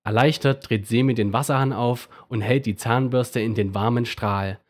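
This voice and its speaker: A man reading a children's bedtime story aloud, slow and expressive. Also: medium pitch.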